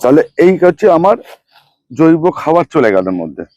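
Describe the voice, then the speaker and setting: Middle-aged guy doing a garden how-to, quick talker, kinda high voice, dry close sound. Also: sing-song, a little mellow, no echo, highs cut off. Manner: chatty, repeats amounts and names of each ingredient. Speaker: rooftop gardening channel host. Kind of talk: hands-on gardening demonstration.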